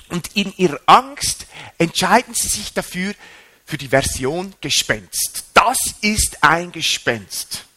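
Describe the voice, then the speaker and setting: A man preaching a sermon in a bright, forceful voice. His pitch sits a little high and leaps about as he rises and drops for emphasis. He sounds animated and retelling, pressing each point home. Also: husky. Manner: animated, rising and dropping sharply for emphasis.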